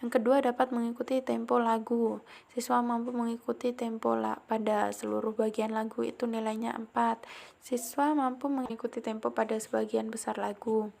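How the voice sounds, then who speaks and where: Woman with gravelly voice explaining rubrics. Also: on the high side, darkish tone. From Indonesia. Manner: walks through each item step by step, repeats phrases, restarts words. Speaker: student teacher explaining a lesson plan. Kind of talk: explaining assessment rubrics aloud. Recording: faint music in the background.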